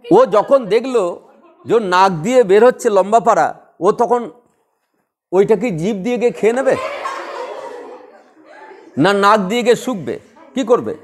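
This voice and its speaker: A man's voice: sits high, lively intonation, moderate pace, pauses often. A man teaching a class on poetic rhythm, who talks playfully, laughs often and acts out quarrels and recites verse. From West Bengal. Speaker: Bengali literature tutor.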